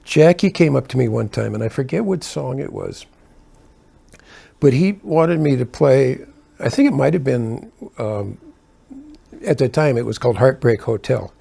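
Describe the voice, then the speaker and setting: A gravelly older keyboard player tells road stories from touring in a casual, anecdotal way, rambling, correcting himself, and chuckling between asides. His mid-range voice is animated and warm, moving at a moderate pace.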